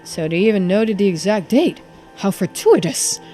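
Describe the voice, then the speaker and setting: This woman has a medium-pitched, warm voice with lively intonation and a moderate pace, close to how she'd normally talk. She plays an eager, genteel video game investigator given to florid exclamations, sounding eager and delighted as she reads the lines with music in the background.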